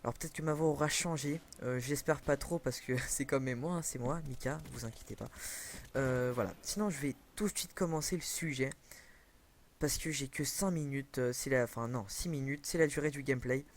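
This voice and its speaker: A man's voice: medium pitch, fairly quick, slight background noise. A young man commenting casually on a video game over a headset, rambling with many fillers and self-corrections. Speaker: gaming commentator.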